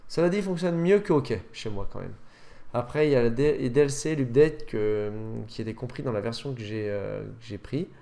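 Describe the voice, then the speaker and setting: A man's voice: mid-range voice, animated, fairly quick, gravelly, mellow. A man chatting casually over gameplay, rambling and often correcting himself mid-sentence. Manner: rambling, self-correcting, fillers. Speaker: gaming youtuber.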